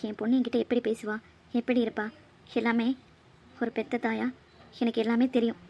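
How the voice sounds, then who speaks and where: A woman's voice: fairly high pitch, flat delivery, brisk, creaky, a little mellow. A woman voicing a middle-aged mother who firmly questions and scolds her daughter. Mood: probing. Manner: probing, scolding, firm. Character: probing middle-aged mother, stern and watchful. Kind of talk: cartoon voice acting.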